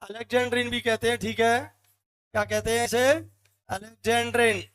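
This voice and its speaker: A male English literature teacher gives a classroom lecture on poetic meter, repeatedly posing questions to the class and answering them himself while counting out feet one by one. His voice is very high, level, fairly quick, a bit bright and smooth, with faint music in the background.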